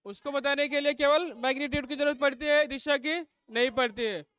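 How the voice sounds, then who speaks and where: A male teacher runs a live classroom lesson. His voice is very high and bright, and it comes through dry and close. He drills students with repeated questions and snaps at whoever talks. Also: fairly even intonation, fairly quick, dry recording. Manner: drills class with call-and-response questions, scolds noisy students.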